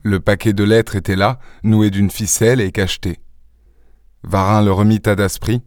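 Guy narrating an audiobook, calm even storytelling, dry studio. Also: fairly low pitch, no room sound. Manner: measured, clear storytelling.

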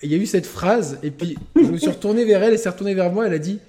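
A man hosting a casual gaming podcast, talking with animated stops and restarts. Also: sits high, rapid-fire. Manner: animated, stumbling restarts, laughing storyteller. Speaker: podcast host.

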